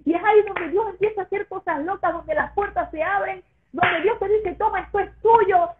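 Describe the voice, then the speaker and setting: A woman giving an emotional religious testimony to a pastor, her voice rising high when she is moved. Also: brisk. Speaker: guest sharing her testimony. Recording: tinny phone-like line.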